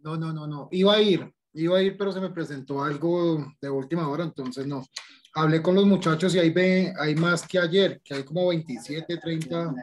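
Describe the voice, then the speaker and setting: A man's voice: a little high, moderate pace, a little hiss or hum. A man, a law student, chatting casually before class and passing on campus news over a video call.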